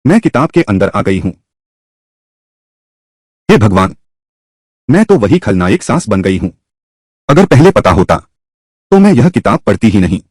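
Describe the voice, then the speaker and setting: A fierce middle-aged mother-in-law, voiced by a man, scolding and threatening her son in a husky voice that swoops up and down. It is a dry, close recording for a dubbed story. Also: on the low side, sing-song, measured pace, pauses often, no room sound. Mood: dismayed.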